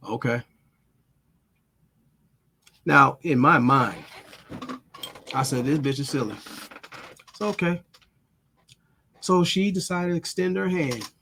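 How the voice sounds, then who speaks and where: A man's voice: on the high side, gravelly, bright, forceful tone, a little hiss or hum. Blunt, profane man telling a story. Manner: blunt, profane, dramatic pauses. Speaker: vlogger. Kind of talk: casual storytelling monologue.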